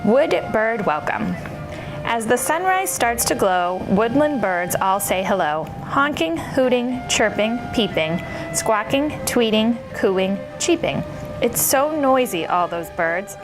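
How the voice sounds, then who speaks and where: A woman's voice: a little high, sing-song, slow pace, over music, low-quality recording. A woman hosting a children's story time, playful and bubbly like an entertainer for young listeners. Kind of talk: children's story time chat and read-aloud.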